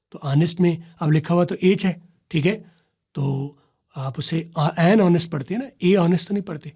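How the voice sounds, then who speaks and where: A man teaching spoken English pronunciation, explaining patiently, repeating examples slowly and often checking with "right?". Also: a little high, dark tone, husky. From Pakistan. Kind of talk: spoken English lesson in Urdu.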